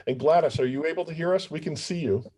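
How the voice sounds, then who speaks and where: A man's voice: a little high, quick pace, mellow. A man politely moderating an online meeting in a courteous conference-call manner. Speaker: meeting host and technical moderator. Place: remote video conference call.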